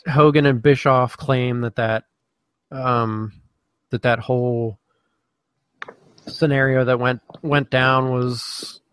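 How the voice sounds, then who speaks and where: A man hosting a live podcast in casual chat, halting with many fillers and restarts. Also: medium pitch, fairly bright tone, dry recording. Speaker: podcast host.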